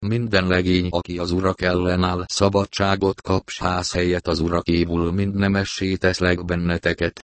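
A man reading the lines of a proud, excitable prince who gives curt orders. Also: low-pitched, hardly any pauses, clear, resonant tone, no echo, close to an everyday voice. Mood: commanding.

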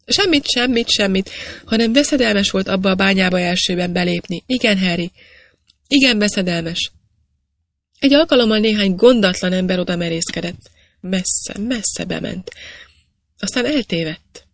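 A reader voicing a shy young woman raised in a mine, speaking in a hesitant, halting way, with a gravelly, dry sound. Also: mid-range voice, fairly bright tone, no room sound. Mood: tremulous.

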